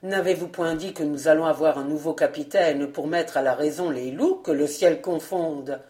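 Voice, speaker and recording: A woman doing a calm, sly charcoal burner. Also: low voice, normal speed, pitched below the performer's own voice, lightly acted. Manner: calm, simple.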